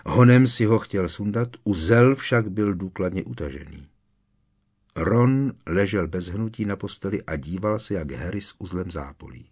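A man narrating a fantasy audiobook in a measured storytelling manner. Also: low-pitched, expressive, a little mellow, slightly rough. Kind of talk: scripted narration.

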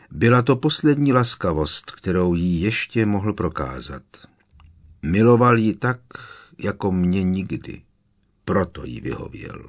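A man voicing a young male prisoner who confesses in a flat, expressionless monotone. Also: fairly low pitch, close to an everyday voice. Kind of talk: audiobook character voice.

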